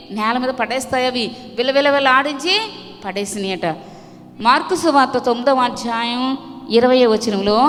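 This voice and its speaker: Woman preacher, higher pitch, emphatic and repetitive, long hall reverb. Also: a bit bright. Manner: emphatic, repeats phrases, exclaims hallelujah. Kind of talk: Telugu sermon retelling a Bible passage.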